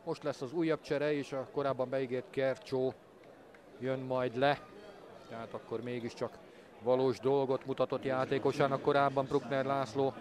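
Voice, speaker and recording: A man giving measured live commentary on a football match. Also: mid-range voice, flat delivery, a little mellow. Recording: crowd noise from stadium. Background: stadium crowd.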